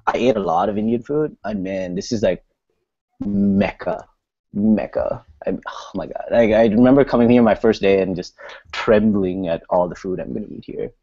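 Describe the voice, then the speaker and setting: A man's voice: fairly low pitch, expressive, normal speed, creaky, warm tone, no room sound. A man from Sri Lanka co-hosting a travel podcast, chatting casually and laughing between phrases. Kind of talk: casual chat. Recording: dry, muffled lo-fi podcast audio.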